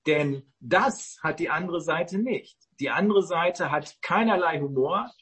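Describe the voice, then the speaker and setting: A man in casual online talk, rambling and halting with many fillers. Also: fairly high pitch, lively intonation, fairly bright tone, slightly rough.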